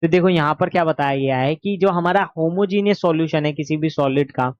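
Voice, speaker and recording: A man's voice: a little high, brisk, highs cut off. A man with a sore throat teaching an exam revision lesson, explaining patiently and asking and answering his own questions.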